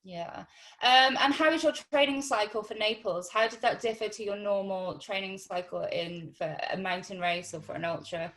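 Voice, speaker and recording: A woman with an average-pitched voice hosts a relaxed, conversational interview. She sounds attentive and supportive as she asks questions and follows up on answers. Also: normal speed, rough recording. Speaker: interviewer, podcast host.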